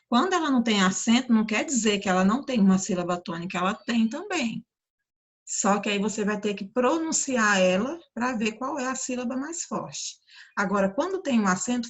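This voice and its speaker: Brazilian woman teacher going over a worksheet, stretches out the example words, keeps checking in, slightly high voice. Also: husky. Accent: Brazilian Portuguese. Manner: frequent check-ins with listeners. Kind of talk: recorded classroom lesson explanation.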